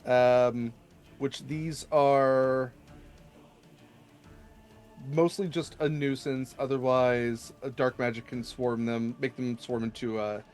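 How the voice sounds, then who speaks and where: A man running a tabletop game as game master, improvising narration in a halting, conversational way. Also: medium pitch, level tone, darkish tone, soft background music.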